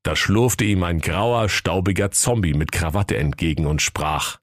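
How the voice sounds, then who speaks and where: Low-voiced male storyteller, playful comic fairy-tale narration, dry close studio mic. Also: measured pace, dry recording.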